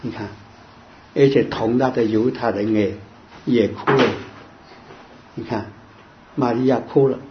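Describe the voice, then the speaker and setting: A man leading an informal Bible study, quizzing his listeners and quoting verses in a slow, drawn-out way. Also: mid-range voice. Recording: dull lo-fi with faint hiss.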